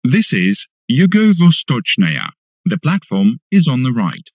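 Slow, swooping male subway announcer. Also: medium pitch, huge pitch swings, darkish tone, dry recording. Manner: formal, deliberate station announcing. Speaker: English-language metro announcer.

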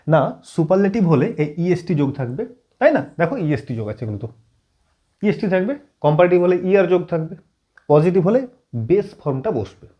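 Guy teaching english grammar on a whiteboard, keeps asking if students get it, voice jumps up and down a lot, kinda dull lo-fi sound. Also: a little high. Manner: frequent check-in questions to students; writes on board while explaining, slowing down.

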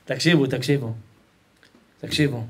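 Here a rabbi with a mid-range, somewhat breathy voice teaches Torah in front of a live audience. He repeats himself emphatically, talks colloquially and affectionately with the crowd, and keeps telling them to listen.

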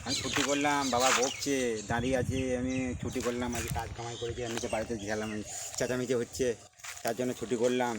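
A man's voice: mid-range voice, flat delivery, fast, distant mic, very noisy. Insistent young man outdoors. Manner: insistent, scolding, urging. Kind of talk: staged prank argument. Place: outdoors in a rural spot with trees.

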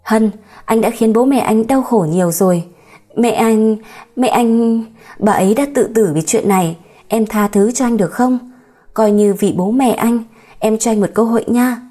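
A woman's voice: a little high, moderate pace, dark tone, natural voice. A woman voicing a remorseful young husband in an audiobook story, emotional and pleading.

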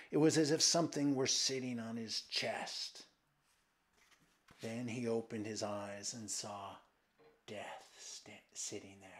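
A man reads a fairy tale aloud in an unhurried, deliberate way, with a mid-range voice. He builds atmosphere by dropping into hushed, whispered passages. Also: medium pitch. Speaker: storyteller and translator. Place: old mill, indoors.

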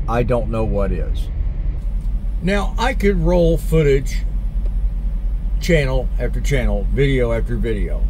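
This middle-aged man, a truck driver who vlogs, has a medium-pitched, slightly mellow voice and speaks with deliberate, earnest reflection in a casual talk to camera. He's inside his truck cab and also out in a parking lot, on a small lapel mic, and the low-quality recording carries a little hiss or hum.

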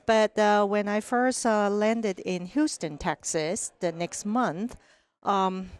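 A middle-aged Hong Kong woman, a native Cantonese speaker with a Hong Kong accent, guests on a podcast through a headset mic, telling stories in a casual interview. Her medium-pitched voice is animated and lively; she acts out quoted voices and keeps asking "right?". She's in a sunny room with large windows.

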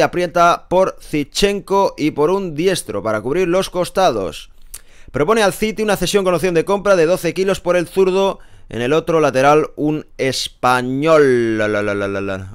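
Guy reading sports front pages, chatty, keeps tossing in tag questions, clear voice. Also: medium pitch. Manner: chatty, constant tag questions, sarcastic asides. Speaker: sports press reviewer. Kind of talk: casual newspaper front-page review.

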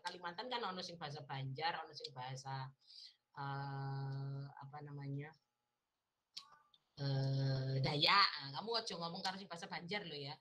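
A woman's voice: lowish voice, sharp tone. A woman lecturer with a Javanese accent, chatting playfully with her students on a video call, laughing often and teasing. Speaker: university lecturer. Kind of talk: casual chat with students in an online class.

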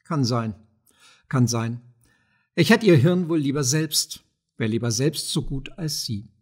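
A man's voice: mid-range voice, lively intonation, a little slow, slightly rough. A man reading an audiobook of a play, voicing a stubborn, grumbling dervish treasurer.

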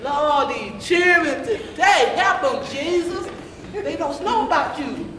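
A woman, heavily acting as a bossy, scolding old field-hand grandmother, delivers a folksy, rambling storytelling monologue in a drawl, calling listeners baby, in an amateur gospel play on a church sanctuary stage. Her high voice is animated, slow and fairly bright. A camera some metres away records the roomy mid-sized hall with a faint crowd and audience noise.

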